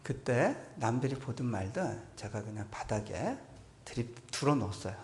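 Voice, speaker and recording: A man at a middle pitch gives a storytelling sermon as a visiting missionary at a church revival. He talks to the congregation in a conversational way, dropping in frequent affirming interjections. In reflective passages he sinks to a soft, hushed voice. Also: very animated, moderate pace, slight background noise. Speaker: guest preacher, missionary. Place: church sanctuary at a revival meeting.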